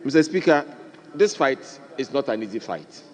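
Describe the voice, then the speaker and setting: A man's voice: medium pitch, sing-song, normal speed. A man with a Ghanaian accent giving an insistent parliamentary debate speech as a member. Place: large parliament chamber. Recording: echoing chamber with long reverb.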